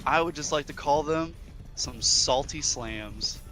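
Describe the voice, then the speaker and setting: A man doing color commentary on a live esports match, breaking down team tactics casually. His voice sits a little higher than most men's. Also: measured pace, over music.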